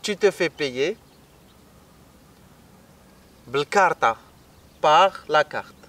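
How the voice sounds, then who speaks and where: A man's voice: a little high, normal speed, fairly bright tone. A man, co-hosting a casual language lesson and patiently repeating phrases for learners. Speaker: co-host teaching Moroccan Arabic. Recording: voice a bit far from the mic.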